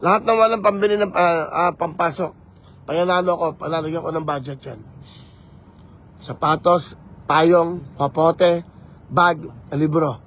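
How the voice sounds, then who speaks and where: A man chatting on a live vlog from inside a moving vehicle, talking in an animated and preachy way as he mixes languages. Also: on the high side, measured pace, long pauses. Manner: animated, code-switching, preachy. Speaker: vlogger campaigning for office.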